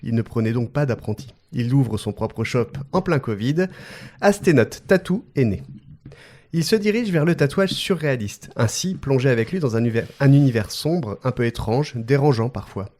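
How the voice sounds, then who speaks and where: Reading a guest introduction for his podcast, a man with a mid-range, darkish voice keeps things playful. Joking asides pop up as he goes, and he laughs frequently.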